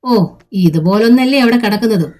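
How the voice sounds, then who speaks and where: A woman's voice: a little high, expressive, normal speed, mellow, voice pushed up, lightly acted. A woman reading a novel aloud, voicing a harsh, spiteful older mother-in-law who snaps with contempt.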